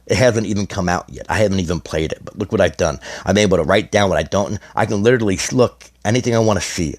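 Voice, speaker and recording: Gaming YouTuber, middle-aged man, very low voice, slightly hoarse, loose and rambling. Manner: rambling, many restarts and fillers. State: slightly hoarse, losing his voice. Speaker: gaming content creator. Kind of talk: casual explanatory gaming video.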